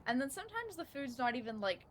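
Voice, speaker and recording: A woman's voice: high-pitched, very animated, fast, a little hiss or hum. A woman co-streaming a game from home, chatting in a rambling, playful way while sitting far from her mic. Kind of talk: casual live-stream chat while gaming.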